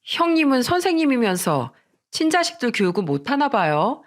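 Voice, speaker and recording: A woman's voice: fairly high pitch, big pitch swings, moderate pace, voice pushed up. A woman reading the part of a blunt, rude young sister-in-law who talks back in a storybook drama. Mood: defiant.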